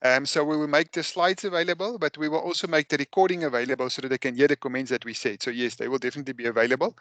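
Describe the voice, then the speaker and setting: A man's voice: medium pitch, steady tone, very fast, fairly bright tone, no room sound. A man with a South African accent hosting an online webinar over a video call, talking with many fillers and restarts. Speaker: webinar host.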